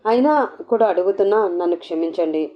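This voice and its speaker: A woman's voice: on the low side, brisk, lightly acted. A woman voicing a frightened, tearful young woman who pleads shakily, in a storybook reading. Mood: pleading. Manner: pleading, shaky. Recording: dull lo-fi audio.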